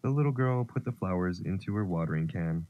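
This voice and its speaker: A man narrating a children's story, gentle and expressive. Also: deep voice, brisk, lo-fi sound.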